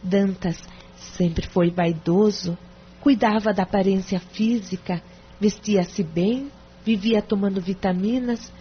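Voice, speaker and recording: An actress with a Brazilian accent and a medium-pitched voice performs in a Portuguese audio drama, taking it slowly and acting lightly. She plays a reserved, embarrassed married woman who confides hesitantly, with a sorrowful, confiding mood. The audio is dull and lo-fi, with clear noise.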